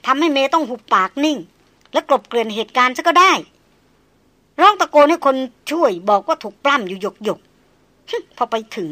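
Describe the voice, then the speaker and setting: A woman's voice: sits high, lively intonation, normal speed, sharp tone, no echo, pitched above the performer's own voice. A woman reading an audiobook who voices a proud, jealous young noblewoman with sarcastic, clipped retorts.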